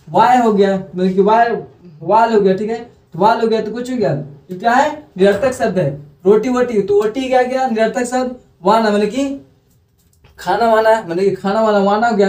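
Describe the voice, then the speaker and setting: A man's voice: extremely high pitch, a little mellow. A man explaining grammar in a loose, repetitive classroom manner, often restarting his sentences. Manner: repeats phrases, self-corrects often. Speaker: grammar teacher. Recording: echoey room, voice from far off the mic.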